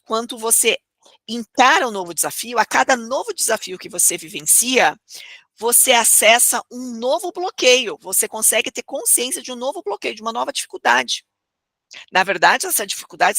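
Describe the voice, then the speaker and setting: A woman teaching about emotions in an expressive coaching talk, asking herself rhetorical questions. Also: fairly high pitch, fairly quick, gravelly, no room sound. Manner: expressive, rhetorical questions, acts out inner thoughts.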